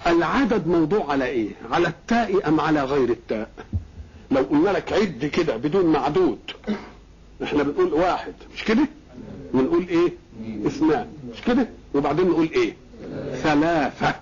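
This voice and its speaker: A man's voice: fairly high pitch, darkish tone. A man with an Egyptian Arabic accent giving a Quran commentary lecture, posing questions to his listeners and answering them himself, repeating key words like a teacher. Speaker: religious scholar. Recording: dull lo-fi old recording.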